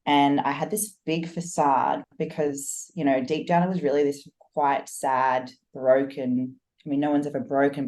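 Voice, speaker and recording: Speaking in a rumbling low, darkish voice, a woman from Australia who works as a business coach recounts her life story during a podcast interview. She comes across as earnest and reflective, unfolding it in long flowing stories.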